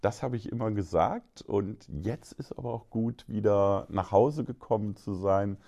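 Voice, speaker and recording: A man's voice: lowish voice, unhurried, mellow. A man in his fifties from Düsseldorf, a bank executive talking fluently with some filler hesitations in a podcast interview. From Germany, Düsseldorf.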